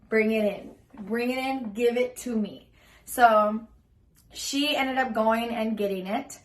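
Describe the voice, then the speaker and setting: A young woman casually telling a personal story in a chatty, rambling way, full of fillers, acting out what she said. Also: a little high. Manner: chatty and rambling, full of ums and likes, acts out her own lines. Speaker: vlogger telling her birth story.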